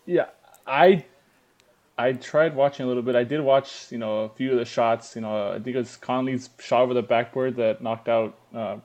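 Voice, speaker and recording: A man's voice: medium pitch, fairly even intonation, moderate pace, darkish tone. Hesitant man on muffled audio. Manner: hesitant, filler-heavy. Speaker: podcast co-host. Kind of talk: casual sports chat.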